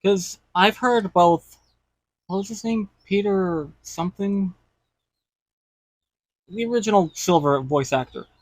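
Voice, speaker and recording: A woman in casual chat, relaxed, nudging the conversation back on topic. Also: medium pitch, slow pace, pauses often, dry recording. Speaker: podcast co-host.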